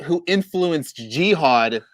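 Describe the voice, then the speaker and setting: A man's voice: fairly high pitch, lively intonation, slow, dry recording, clean studio sound. A man co-hosting a casual podcast chat, wry and sarcastic, often laughing at his own jokes. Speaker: podcast co-host.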